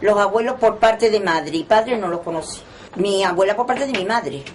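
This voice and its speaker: An elderly woman in her 90s from Torremolinos, Spain, reminisces in an oral history interview, rambling and frequently restarting. Her voice is medium-pitched at a normal pace, with a little hiss or hum in the recording.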